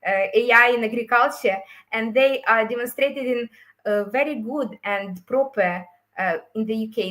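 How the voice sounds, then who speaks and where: A woman with a slightly high, fairly bright voice is giving a webinar talk as a course creator. Her first languages are Ukrainian and Russian, and she speaks hesitantly, often using fillers and restarting sentences.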